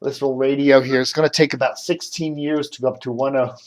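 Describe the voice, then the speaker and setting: An American man vlogs from home, rambling casually to the camera and thinking out loud as he goes. His voice is medium-pitched and somewhat dark, delivered flatly and at a fast clip.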